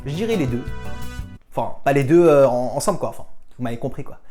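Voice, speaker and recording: A young Frenchman vlogs casually, answering viewer questions with self-mocking humor and switching between languages. His mid-range voice is expressive, mellow, and fast. Music plays underneath the recording.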